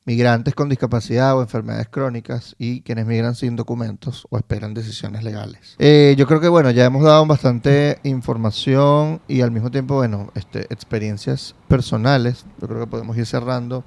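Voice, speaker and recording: A man co-hosts a podcast with a calm, measured delivery. His voice is gravelly with a touch of fry, at an ordinary pitch. He fills pauses as he works through his advice. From Venezuela. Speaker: podcast co-host. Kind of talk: casual podcast chat.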